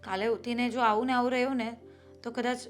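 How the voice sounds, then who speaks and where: A woman playing a high-voiced, worried wife. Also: quick pace, soft background music, lightly acted. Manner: calm, reasoning, then pushing back. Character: worried, patient elder sister-in-law and wife. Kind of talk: family drama acting.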